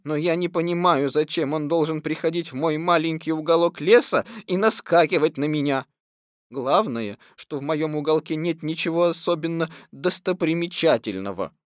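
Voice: medium pitch, no room sound, clean studio sound, lightly acted. A reader voicing a gloomy, grumbling old male donkey in an audiobook. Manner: slow, glum, long-winded. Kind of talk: audiobook reading.

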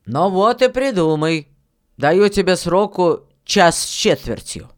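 A gruff old village miller scolds in a slow, weighty storybook voice, as a reader puts him on. He speaks sternly and louder than the surrounding narration, with a grumbling sternness that stays steady. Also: medium pitch. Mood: stern scolding. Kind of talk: audiobook reading of a fairy tale.

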